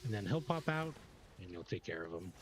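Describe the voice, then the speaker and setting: A man casually commenting on his own gameplay as a guide host, chatty and relaxed while he plays. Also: low voice, a little fast, over music.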